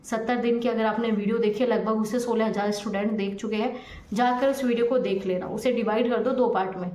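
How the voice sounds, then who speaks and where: A woman's voice: a little high, fairly even intonation, fairly quick, mellow, echoey room, slight background noise. A woman coaching exam candidates in a direct, scolding way, repeating her points for emphasis. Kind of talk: motivational exam-prep lesson.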